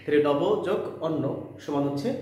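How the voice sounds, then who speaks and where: A man teaching a school grammar lesson, repeating key phrases slowly and pausing with fillers. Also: fairly high pitch, a little mellow. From Bangladesh. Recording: echoey room from far off, faint noise.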